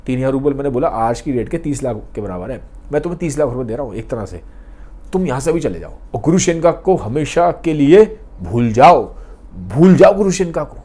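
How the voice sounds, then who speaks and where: A man's voice: mid-range voice, lively intonation, fast, mellow, voice pushed down, close to an everyday voice. A man voicing a strong, reckless young man who talks in a blunt, demanding way.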